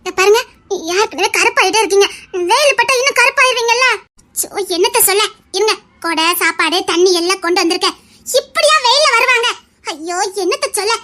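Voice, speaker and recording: A woman plays Anandhi, a fussy, doting young lover in a web series drama, scolding him tenderly in a Tirunelveli Tamil accent. She uses a full character voice, extremely high-pitched, pushed and bright, with lively intonation and a slightly fast pace.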